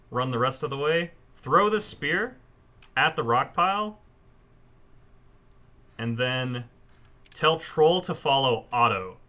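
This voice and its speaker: Bright-voiced man giving gameplay tutorial. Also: fairly high pitch. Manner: informal, step-by-step explaining. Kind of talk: casual gameplay tutorial commentary.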